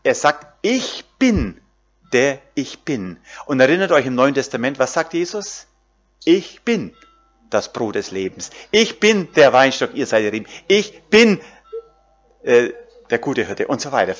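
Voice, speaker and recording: A man's voice: medium pitch, big pitch swings, unhurried. Man, preacher, sermon, talks to the congregation, many fillers, dull lo-fi sound.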